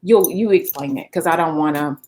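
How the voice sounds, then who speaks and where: A middle-aged woman, co-hosting with her husband, talks earnestly with him about family and communication in a casual conversation. Her voice is low and dark in tone, moving at a normal speed and sprinkled with frequent fillers.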